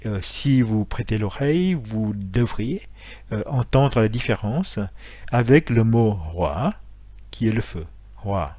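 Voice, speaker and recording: A man teaching a lesson, explaining with frequent pauses and self-corrections. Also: medium pitch, darkish tone, dry recording. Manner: hesitant, many fillers and self-corrections; explanatory, spells out letters and sounds. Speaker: martial arts instructor.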